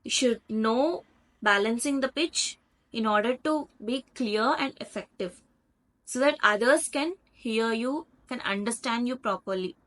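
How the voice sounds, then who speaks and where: A woman's voice: on the high side, unhurried, fairly bright tone. A woman with an Indian English accent, teaching a lecture patiently, step by step with examples. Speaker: online tutor. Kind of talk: explanatory lecture over slides.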